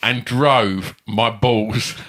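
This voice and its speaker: A man's voice: mid-range voice, very slow, a bit bright. A man co-hosting a comedy podcast, telling rambling, sweary anecdotes. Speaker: podcast co-host. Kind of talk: casual comedic storytelling.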